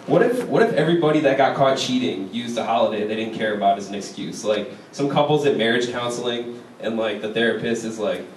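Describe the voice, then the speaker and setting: A man's voice: mid-range voice, fast, few pauses. A young American man doing a casual, conversational stand-up comedy set before a laughing crowd. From Chicago, United States. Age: young adult. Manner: casual, conversational delivery with frequent "like". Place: live stand-up show in a university venue. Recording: echoey, distant, noisy live room recording.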